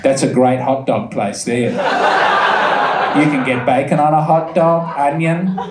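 A man voicing a foul-mouthed, abrasive small-town woman on a bus, gruff and menacing. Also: a little high, fairly even intonation, slow, roomy sound, heavy background noise, voice pushed down. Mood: menacing chatter.

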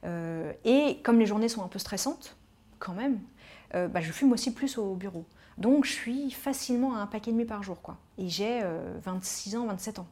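For a personal storytelling podcast, a woman in her 30s from Paris candidly shares her story as a tobacco cessation specialist, using many fillers. She talks at a normal speed, with a warm, medium-pitched voice and lively intonation.

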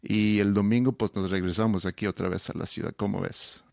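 A man's voice: on the low side, fairly even intonation, brisk, creaky, a little mellow, no echo, clean studio sound, voice pushed down. A man doing a slangy flashy chilango. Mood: boastful. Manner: slangy, peppered with "güey". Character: flashy partying Mexico City man.

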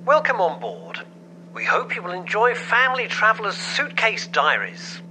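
A man's voice: high-pitched, wildly swooping pitch, pushed and bright, a little hiss or hum, heavily acted, poor audio. A man playing an airline captain, giving a formal cabin announcement over an aircraft intercom. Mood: welcoming. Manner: formal, measured announcer delivery. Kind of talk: scripted announcement.

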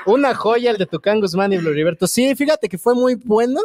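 A man's voice: high-pitched, animated, brisk, a little mellow, no echo, studio quality. A man with a Mexican accent co-hosting a comedy podcast, bantering playfully and crudely. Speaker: podcast co-host. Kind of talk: casual comedy podcast chat.

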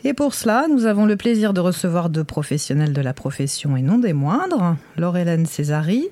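A woman hosts a podcast with a warm, mellow tone. She reads her introduction cleanly, then moves into interviewing guests. Her delivery is articulate and lightly playful. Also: on the low side, big pitch swings, fairly quick, no echo. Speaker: podcast host.

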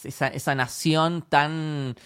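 A man with a Rioplatense Spanish accent, co-hosting a podcast and chatting casually about a TV series, jumping in often with quick agreement. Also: a little high, fairly even intonation, fairly bright tone, smooth. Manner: conversational, quick agreeing interjections. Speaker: podcast co-host. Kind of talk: casual chat reviewing a series.

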